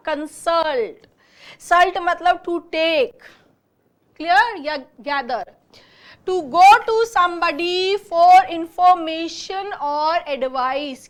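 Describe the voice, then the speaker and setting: High-voiced woman teaching slowly. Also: fairly bright tone. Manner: explains slowly, repeating synonyms and checking with "clear?". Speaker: vocabulary teacher. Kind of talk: exam-prep vocabulary lesson.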